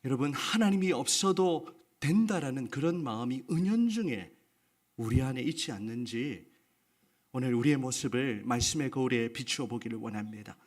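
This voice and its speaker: A man's voice: mid-range voice, lively intonation, moderate pace. A male pastor preaching a sermon, earnest and putting questions to the congregation.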